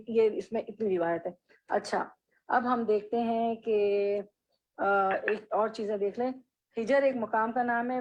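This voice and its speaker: A woman teaching a hadith lesson. She reads Arabic phrases slowly, explains them, and asks her listeners questions. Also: on the high side, a little mellow, highs cut off. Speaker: religious teacher.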